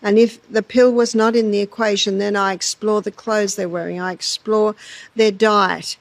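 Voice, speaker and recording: An Australian woman who works as a health educator, explaining calmly and plainly in an interview. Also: mid-range voice, moderate pace, vocal fry, no echo. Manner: calm, explanatory, folksy with frequent laughs. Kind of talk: interview answers.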